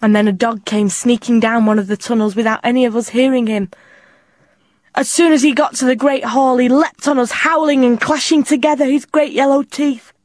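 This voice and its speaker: A woman voicing an old, weary male mole rat guard who speaks hoarsely and humbly. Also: a little high, steady tone, normal speed, darkish tone, dry recording, voice pushed up, natural voice. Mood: solemn.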